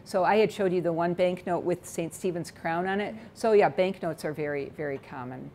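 An older woman presenting in a library meeting room, answering audience comments with short, warm acknowledgements. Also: lowish voice, normal speed, slight background noise. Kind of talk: Q and A chat with audience. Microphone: far camera.

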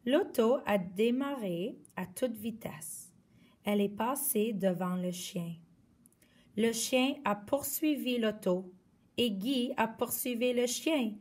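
A woman reading a children's picture book aloud slowly and expressively. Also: fairly high pitch, far from the mic. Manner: slow, clear, expressive read-aloud. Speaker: storyteller.

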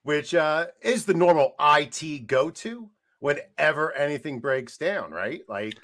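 A man hosting a fantasy football podcast who talks in a relaxed way and calls on each panelist in turn. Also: on the high side, unhurried. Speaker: podcast host. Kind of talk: casual podcast chat.

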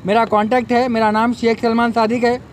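A man's voice: extremely high pitch, level tone, brisk, a little hiss or hum. A young man, an event organizer giving a promotional press statement into a bank of microphones at an outdoor expo, repeatedly urging customers to come. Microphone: bank of press microphones on a table.

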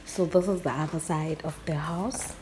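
A young woman from South Africa with a husky morning voice, chatting casually as she gives a room tour. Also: low voice, fairly even intonation, moderate pace, darkish tone, a little hiss or hum. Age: young adult. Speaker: YouTuber. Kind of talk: casual vlog.

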